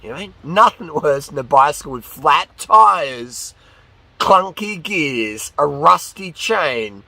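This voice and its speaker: A man giving a casual, opinionated monologue as a fitness vlogger, talking in an excitable, slangy, ranting way. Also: on the high side, measured pace, vocal fry, no echo.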